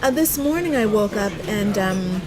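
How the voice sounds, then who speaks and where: A woman's voice: mid-range voice, lively intonation, normal speed. Affirming woman in a busy restaurant. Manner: warm, affirming, frequent agreement. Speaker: host. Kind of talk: casual conversation over a meal. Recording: restaurant crowd noise around. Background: crowd chatter.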